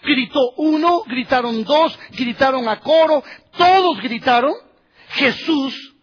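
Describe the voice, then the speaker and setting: A man's voice: very high voice, a little slow, dull audio. A man preaching a sermon, pressing his listeners with repeated rhetorical questions.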